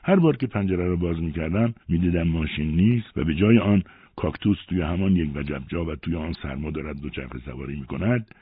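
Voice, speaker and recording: A man narrating a first-person story aloud with an expressive storytelling delivery. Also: low voice, slightly rough, no room sound. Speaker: audiobook narrator. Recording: dry, phone-like narrow sound.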